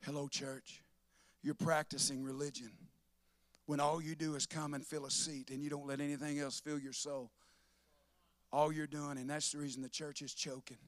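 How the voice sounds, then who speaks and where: A middle-aged man preaching a sermon as pastor, calling on people by name and rising to shouts. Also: on the high side, little pitch movement, normal speed, no echo. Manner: preacherly, calls on congregation by name, rises to shouting.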